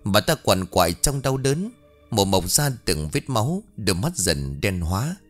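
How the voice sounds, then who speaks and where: A man narrating an audiobook horror story in a dramatic, expressive way. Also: on the low side, measured pace. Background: faint music.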